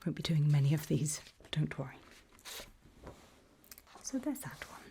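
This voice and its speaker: A woman in an ASMR roleplay plays a calm, reassuring doctor running a creepy memory test, speaking in a breathy whisper blended with very soft, low speech. Her manner is gentle, unhurried, encouraging and patient. Background noise can be heard.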